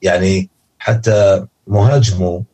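Husky Levantine Arabic male football pundit. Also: deep voice, fairly even intonation, takes it slowly, mellow. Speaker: football pundit, podcast guest. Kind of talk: casual sports analysis.

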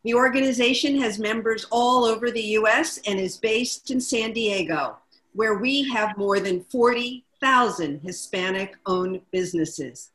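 A woman co-hosting a talk show, introducing a guest and reading prepared figures in a measured way. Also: fairly high pitch, fairly bright tone, roomy sound, rough recording. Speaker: co-host.

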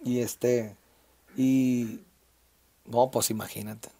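A man's voice: mid-range voice, level tone, extremely slow, dark tone. Reflective Mexican man telling his story. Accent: Mexican Spanish, Sinaloa. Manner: reflective, frequent fillers and restarts. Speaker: interview guest, singer. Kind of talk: casual conversational interview.

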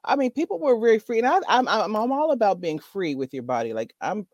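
A woman chats on a podcast, her voice swooping high and low as she acts out other people's lines and laughs through her own story. The sound is dry and close. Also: quick pace, no room sound, lo-fi sound. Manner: animated storyteller, laughs often, acts out quotes. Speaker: podcast co-host. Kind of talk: casual chat. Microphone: remote call mic.

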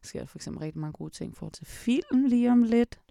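A woman's voice: on the high side, lively intonation, creaky, warm tone, dry recording. A young woman hosting a podcast in casual chat, frank and sarcastic, swearing often. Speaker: podcast host.

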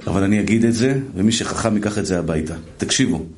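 A man's voice: lowish voice, a crowd in the background. A middle-aged man, a rabbi, preaching a sermon and telling stories with voiced quotes and repetition.

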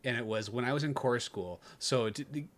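A young man who is a former Navy corpsman, telling a war story in casual podcast chat, profane and animated, laughing through his punchlines. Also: mid-range voice, brisk.

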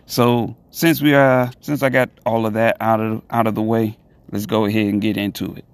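A man hosting a solo podcast, giving commentary in deliberate, halting phrases with repeated words and emphatic pauses. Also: lowish voice, level tone, clean tone, no room sound. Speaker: podcast host.

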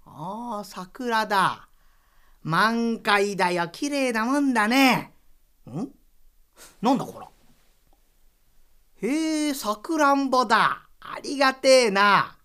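A woman voicing a stingy middle-aged Edo townsman who grumbles in rough street speech. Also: a little high, animated, slow pace, long pauses, fairly bright tone. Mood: chuffed.

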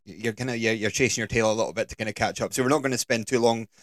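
A man's voice: fairly low pitch, steady tone, rapid-fire, no echo. A man hosting a football podcast, jokey and bantering in casual chat. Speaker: podcast host.

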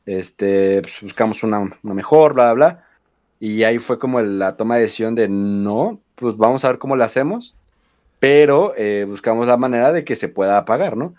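A man's voice: mid-range voice, moderate pace, darkish tone. A young man chatting casually with friends, hesitant and full of fillers and slang. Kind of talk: casual chat among friends.

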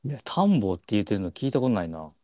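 A low, soft-edged male voice with a Kansai accent, recorded close and dry. He chats casually as a podcast co-host, laid-back and sparing with his words. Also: very animated, very fast, no echo. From Kansai, Japan. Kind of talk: casual chat.

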